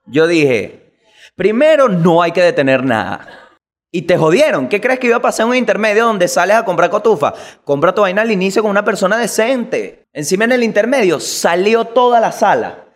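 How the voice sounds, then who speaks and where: A Venezuelan man hosting a comedic news show, with a voice sitting a little high. He talks in an animated, slangy way, full of curses. He jumps into quick mock voices. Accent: Venezuelan Spanish. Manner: animated, slangy, swearing, jumping into quick impressions.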